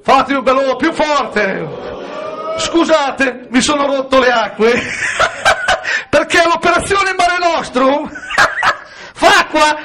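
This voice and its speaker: High, lively stand-up comic. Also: male voice, takes it slowly, pauses often, background noise. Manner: punchy jokes addressed to the audience. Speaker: stand-up comedian. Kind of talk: stand-up comedy on stage. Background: audience laughter.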